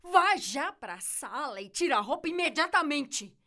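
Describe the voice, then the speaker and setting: High-pitched, volatile mother. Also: very animated, measured pace, pushed and bright, exaggerated voice. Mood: furious. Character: stern, volatile mother scolding her young daughter.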